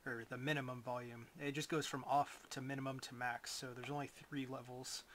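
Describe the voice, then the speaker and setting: A man giving a casual, unscripted product review as a reviewer, in a hesitant, rambling way with frequent pauses. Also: mid-range voice, little pitch movement, fairly bright tone, a little hiss or hum. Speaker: reviewer of gadgets.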